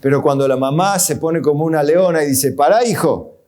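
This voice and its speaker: A man's voice: a little high, a little fast, darkish tone, clear, resonant tone. A man pastor with an Argentine accent, preaching a sermon in a conversational way, full of rhetorical questions and light chuckles. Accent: Argentine Spanish.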